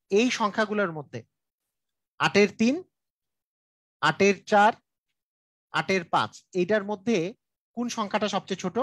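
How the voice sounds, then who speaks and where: A man's voice: high-pitched, a bit bright, dry recording. A man teaching math in a live online lesson, repeating each point and checking in with his viewers in a colloquial way. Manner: repetitive, drilling explanations with frequent check-ins; colloquial, speaks directly to viewers.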